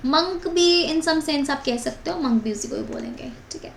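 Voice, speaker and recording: A young woman teaches vocabulary in a chatty, repetitive way with plenty of asides. Her voice sits a little high and has a gravelly edge. It is recorded in an echoey room with faint background noise. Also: animated, normal speed. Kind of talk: vocabulary lesson in mixed Hindi and English.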